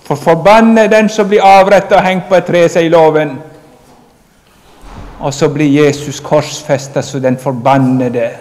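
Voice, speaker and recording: Earnest preacher. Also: male voice, fairly high pitch, steady tone, darkish tone. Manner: earnest, emphatic preaching, addressing the congregation directly. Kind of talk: sermon. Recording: long reverb of a large hall.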